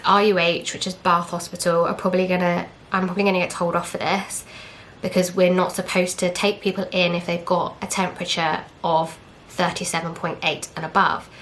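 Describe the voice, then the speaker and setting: Young English woman vlogger, chatty and candid, low flat delivery, slight hiss behind. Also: brisk. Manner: candid, chatty, retells with quoted dialogue and fillers. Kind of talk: casual storytelling.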